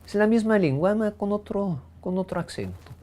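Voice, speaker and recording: A man from the Bronx, speaking with a Ladino-speaking New York accent, tells his life story in an interview at his home, pausing often with "eh" as he thinks. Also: high voice, expressive, warm tone. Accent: Ladino-speaking New Yorker. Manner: thoughtful, with frequent "eh" pauses.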